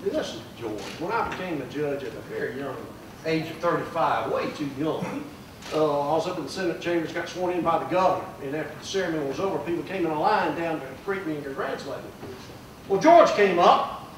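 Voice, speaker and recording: Older judge, folksy eulogy, fairly high voice, far from the mic in a booming room. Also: male voice, lively intonation, fairly quick, slight background noise. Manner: folksy, warm storytelling with fillers. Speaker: judge giving a memorial tribute. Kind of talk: public memorial speech. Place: large room at a plaque dedication. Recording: echoey room, mic from afar.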